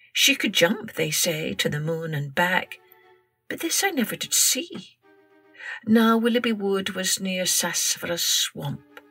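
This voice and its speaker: A Scottish woman storyteller speaks slowly in a lowish voice that is bright yet gravelly and slightly rough. Hosting a children's storytelling podcast, she recites tales and poems with a theatrical, deliberate, drawn-out style, sometimes hushing her voice.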